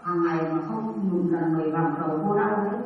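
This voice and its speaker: Nun telling a story in an echoey hall. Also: female voice, lowish voice, fast. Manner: acts out dialogue in lively voices. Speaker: Buddhist nun telling stories. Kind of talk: sermon storytelling. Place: temple hall. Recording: echoey hall from far off, dull.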